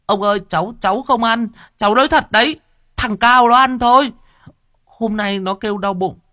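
A man voicing a frightened young village boy who stammers and pleads in a high voice in an audiobook. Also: normal speed, bright, forceful tone, dry recording, clean studio sound.

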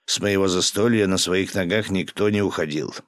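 A man voicing a gruff, domineering governor who barks orders and drinks hard, in a storybook reading. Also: low-pitched, normal speed, no room sound, studio quality, lightly acted. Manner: gruff, barking, commanding.

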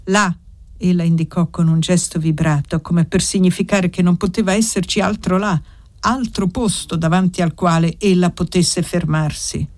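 A woman reading a classic novel aloud as audiobook narration, measured and steady. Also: lowish voice, no echo. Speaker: audiobook reader.

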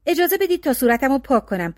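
A woman's voice: high-pitched, very animated, a little mellow, no room sound, clean studio sound. A woman voicing a humble young peasant hero in a storybook reading, pleading and calling out.

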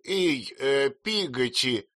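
A man's voice: medium pitch, big pitch swings, a little slow, bright, forceful tone, dry recording, studio quality, voice pushed up. A man voicing a stern, commanding elderly aunt who speaks sharply and impatiently.

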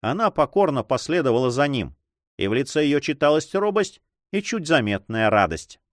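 A man narrating an adventure novel in an expressive, measured reading. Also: medium pitch, no echo, clean studio sound. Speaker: audiobook narrator. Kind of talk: scripted narration.

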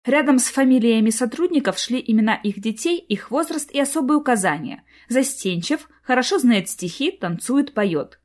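A woman narrating a novel as an audiobook, with expressive storytelling. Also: on the high side, moderate pace, hardly any pauses. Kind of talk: scripted narration.

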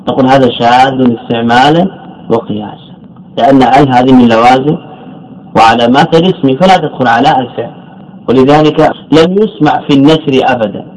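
A man's voice: medium pitch, a little mellow, rough recording. A man teaching as a sheikh in a lecture, asking the class questions, answering them himself and repeating key words. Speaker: sheikh teaching Arabic morphology. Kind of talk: classroom lecture, explaining a text.

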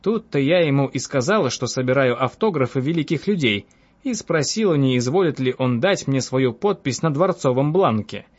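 A man with a medium-pitched, expressive voice, a breathy edge, and normal pacing voices a cunning, bold young woman recounting her escapade with mocking self-assurance and amused scheming. The audiobook sounds dull and lo-fi, with faint music underneath.

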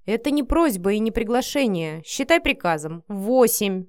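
A woman's voice: medium pitch, lively intonation, normal speed, dry recording, natural voice. A woman reading an audiobook voices a domineering, harsh male boss who growls his curt, menacing lines. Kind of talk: audiobook character voice.

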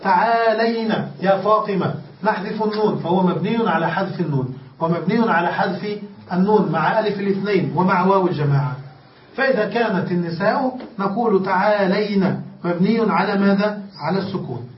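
High-voiced sheikh teaching in echoey room. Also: male voice. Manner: explains step by step, often checks understanding with the class; stretches key words slowly for emphasis. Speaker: sheikh teaching Arabic grammar. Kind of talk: classroom grammar lesson. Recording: distant, echoey, dull lo-fi room recording with faint hiss.

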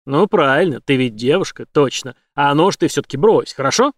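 A man voicing a brutal, leering adult male villain who taunts and threatens loudly. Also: fairly high pitch, expressive, moderate pace, no room sound, studio quality, lightly acted. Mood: taunting. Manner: taunting, menacing, loud.

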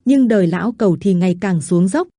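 A woman narrating a written story in a steady, even reading voice. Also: mid-range voice, brisk, no echo, studio quality.

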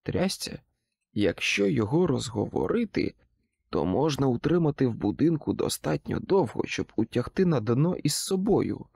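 A male narrator reads a first-person audiobook in a gravelly voice. His pitch moves a lot as he dramatizes the story. The recording is dry and close, with no room sound. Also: moderate pace, dry recording. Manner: expressive, dramatic reading.

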